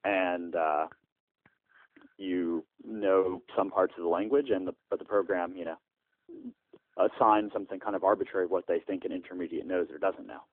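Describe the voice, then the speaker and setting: A startup founder is interviewed by landline phone, and the line sounds thin and dry. He speaks at a moderate pace in a deep voice with fairly even intonation. His answers run long and are peppered with "uh" and restarts.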